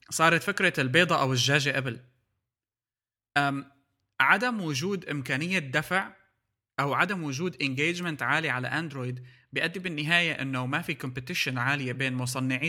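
A man with a Levantine Arabic accent chats as a podcast co-host. He talks quickly in a very bright, forceful voice, slipping English words into casual explanations. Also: on the high side. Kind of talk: casual tech discussion.

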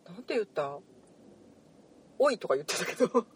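A woman's voice: medium pitch, moderate pace, breathy edge. A woman with a Kansai accent, co-hosting a casual podcast chat and mostly agreeing along. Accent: Kansai Japanese. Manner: relaxed listener, frequent agreeing. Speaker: podcast co-host.

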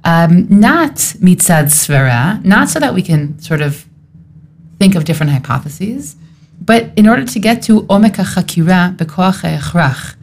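A woman's voice: fairly low pitch, big pitch swings, moderate pace, darkish tone. A woman leading a Torah study discussion, thinking aloud in a searching, thoughtful way. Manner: thoughtful, searching, restarts while reasoning aloud.

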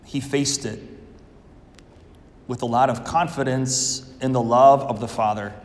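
A man speaking as a priest at church, solemn and measured with deliberate pauses, his voice in a long cathedral echo. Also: medium pitch, fairly even intonation. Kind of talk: Gospel reading and homily. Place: large church, indoors. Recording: echoey church with long reverb.

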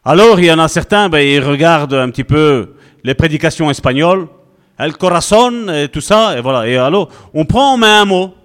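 A male pastor giving an animated, conversational sermon full of asides to the congregation. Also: fairly high pitch, moderate pace.

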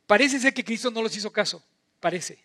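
A middle-aged preacher man with a notably high voice delivers a sermon. He is impassioned, rising to loud emphatic bursts, then dropping to soft, drawn-out phrases.

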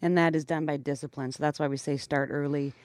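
Female co-host, deep voice for a woman, plain-spoken financial advice, dry studio sound. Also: fairly even intonation, fast, a little mellow, no echo. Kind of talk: conversational financial advice broadcast.

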